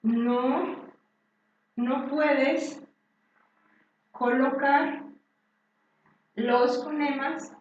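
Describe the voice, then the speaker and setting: A woman giving a university lecture, speaking slowly and deliberately with many fillers and restarts. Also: high-pitched, fairly even intonation. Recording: very echoey room, distant and dull.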